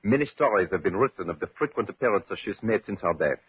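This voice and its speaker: A man's voice: lowish voice, expressive, fast, husky. A courtly Frenchman in an old radio show. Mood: storytelling. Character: genial middle-aged French mayor's son, storyteller. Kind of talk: 1940s radio drama acting. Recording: thin, phone-like old radio broadcast.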